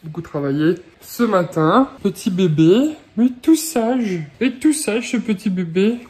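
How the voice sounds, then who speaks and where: A young mother in a casual home vlog, talking softly and cooingly to her baby between chatty updates. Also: mid-range voice, animated, measured pace. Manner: soft cooing baby talk.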